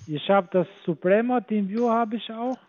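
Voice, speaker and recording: High-voiced man on a tinny phone line. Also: a little mellow, dry recording. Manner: halting, full of fillers, broken grammar. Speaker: phone scammer.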